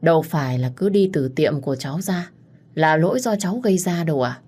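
A woman voicing a young man who has been accused, earnest and pleading, in a low voice. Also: animated, brisk, mellow. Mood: calm protest.

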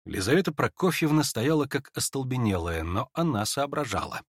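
A man reading a classic novel aloud with expressive, dramatic narration. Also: medium pitch, a little fast, dry recording, clean studio sound.

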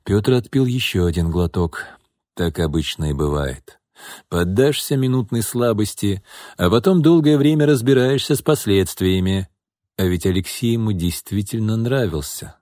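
A man narrating an audiobook in a measured, even reading style. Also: lowish voice, dry recording, studio quality. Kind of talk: scripted narration.

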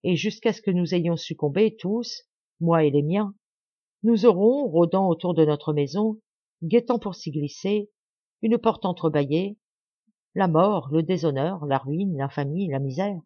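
A woman reading a bitter, vengeful young man with a grave, measured, menacing delivery. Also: fairly low pitch, mellow, no room sound. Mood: cold menace. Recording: dull dry lo-fi audio.

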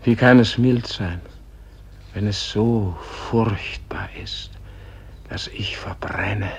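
An actor playing a dying, weary and pleading Gandhi in a solemn poetic radio play, grave and halting, with a husky, breathy voice. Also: male voice, lowish voice, full character voice. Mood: awed, faltering. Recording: dull, muffled old radio recording.

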